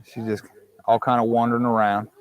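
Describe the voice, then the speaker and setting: The recording is muffled as this man, speaking a little fast in a flat, medium-pitched voice, hosts a casual campsite live stream. He rambles and jokes with viewers over a clip-on mic with a fuzzy windscreen.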